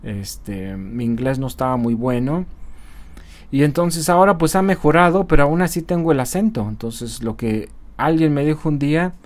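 Speaking to his channel's viewers, a social media marketer gives a casual motivational talk in a slightly high, slightly mellow voice. His delivery is conversational, full of tag questions that check in with the audience and hesitation fillers where he pauses.

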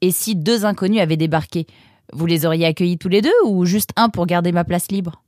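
A man voicing an eager, cheerful young boy in a storybook, talking in an excited, bouncy way. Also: sits high, brisk, no echo, clean studio sound, lightly acted.

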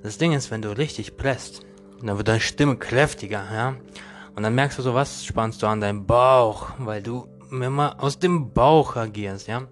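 A man's voice: medium pitch, a little slow. A man podcasting a jokey, rambling monologue straight at the listener, full of slang and tag questions, laughing between lines. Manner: addresses listener directly, constant tag questions.

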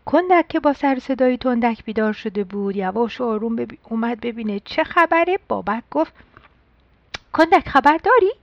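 A woman telling a story to children, speaking lively and turning to the kids directly. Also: a little high, hardly any pauses, no echo. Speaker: children's show host. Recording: dry, slightly dull recording.

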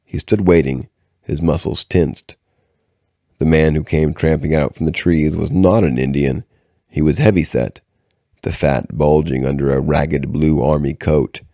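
A man reading a novel aloud in measured narration, with occasional stumbles and restarts. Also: rumbling low, warm tone, no echo, studio quality. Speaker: audiobook reader.

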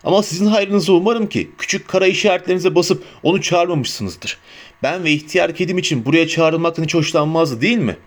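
A hot-tempered old barman , read by a man, snapping back in a rough, hoarse voice, pitched higher and louder than the narration. He sounds scornful and defiant, an audiobook character. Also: brisk, lightly acted. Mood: angry, scornful. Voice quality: gruff, hoarse. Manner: barking retorts, scornful.

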